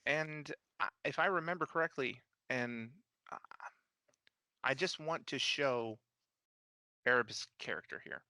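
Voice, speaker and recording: A man playing in a tabletop game, talking haltingly with many restarts. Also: medium pitch, pushed and bright, dry recording. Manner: hesitant, halting, full of restarts. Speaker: player. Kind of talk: tabletop role-play.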